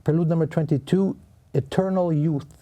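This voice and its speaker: Speaking in a fairly high, dark-toned voice with fairly even intonation, a violinist from Italy gives earnest studio interview answers. His non-native phrasing comes out slightly halting.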